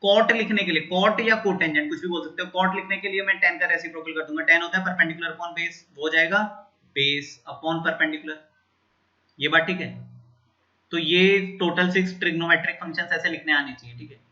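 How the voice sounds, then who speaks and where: A man's voice: fairly high pitch, fairly even intonation, moderate pace, sharp tone, lo-fi sound. A man teaching a maths lesson at a board, going through steps and checking in with students often.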